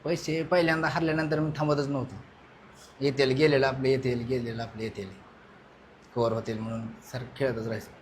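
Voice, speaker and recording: A man, a farmer, giving subdued, halting answers. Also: medium pitch, level tone, a little hiss or hum. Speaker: interviewee, farmer.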